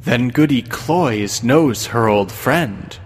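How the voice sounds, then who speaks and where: A man's voice: mid-range voice, lively intonation, slow, a little hiss or hum. A man voicing the devil disguised as an older traveler, speaking in archaic, persuasive and mocking tones. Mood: sly. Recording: long reverb.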